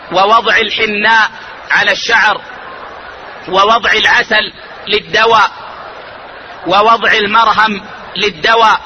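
High, sharp-voiced man teaching religious law. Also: a little hiss or hum, rough recording. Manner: measured, deliberate, stresses key words slowly. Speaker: Islamic scholar teaching jurisprudence. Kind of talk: religious lesson lecture.

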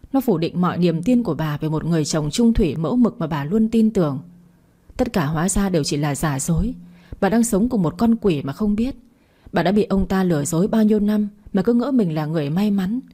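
A woman narrating a scripted audio story in a dramatic, measured way. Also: lowish voice, mellow, breathy edge.

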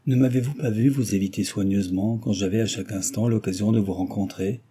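A man voicing an impetuous young gentleman who pleads with ardent warmth. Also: on the low side, steady tone, a little fast, breathy edge.

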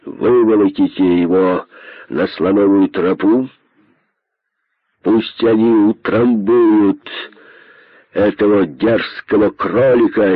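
A man voicing a great python king who is cold, scornful and menacing, speaking slowly and with contempt in an audiobook. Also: low voice, breathy edge, no echo, narrow, tinny audio, full character voice. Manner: slow, contemptuous, threatening.

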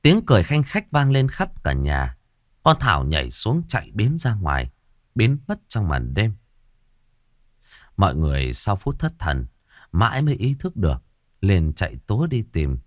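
A man narrating a ghost story in the first person, with lively storytelling. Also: low-pitched, no room sound, clean studio sound.

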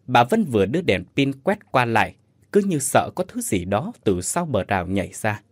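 A man's voice: medium pitch, husky, no room sound. A man narrating a scripted horror story in a dramatic, suspenseful way.

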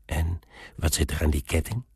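A man plays a sly old dwarf in a storybook tale, leering and gloating through a wheezing breath. The voice sits extremely low and breathy. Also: moderate pace, darkish tone, dry recording, clean studio sound, heavily acted.

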